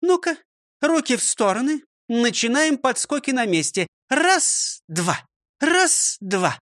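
A strict elderly schoolteacher scolds and barks out commands in a high, lively voice that leaps up and down, put on by a storybook reader. She drills her old pupil without mercy and keeps every word clipped and dry. The recording is close and dry. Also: slow, dry recording, full character voice. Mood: drilling. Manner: scolding, commanding, counts out exercises. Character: strict elderly woman schoolteacher, stern and bossy. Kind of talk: audiobook reading.

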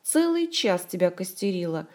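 An emotional, chatty young woman, as a female audiobook narrator puts her on, pouring out her story in rushes and exclamations. The voice sits higher and louder than the narration and leaps around expressively, though the tone stays soft and mellow. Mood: indignant. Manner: excitable, talks in rushes and exclamations. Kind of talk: audiobook character voice.

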